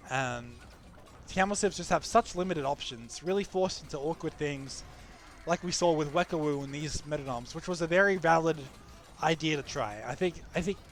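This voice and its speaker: Male esports caster, fairly high voice, chatty live commentary. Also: a bit bright. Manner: chatty, frequent restarts and fillers.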